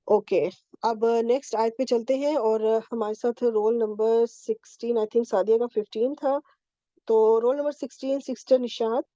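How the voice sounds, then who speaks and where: A woman's voice: a little high, steady tone, dark tone, no room sound, dull audio. Patient woman teaching over a call. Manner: patient, explains step by step with check-ins. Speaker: Quranic Arabic grammar teacher. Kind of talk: online class teaching. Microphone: computer mic on a video call.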